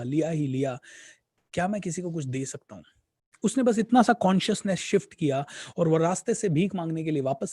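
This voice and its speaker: Mellow-voiced man telling a motivational story. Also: on the high side, no echo, clean studio sound. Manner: repetitive, directly addresses friends, mixes English words. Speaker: motivational speaker.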